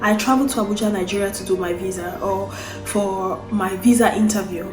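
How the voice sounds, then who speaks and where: A woman's voice: medium pitch, fairly quick, reverberant, over music. A young Cameroonian woman, a vlogger, explaining a process in casual unscripted talk, often restarting and repeating phrases as she goes.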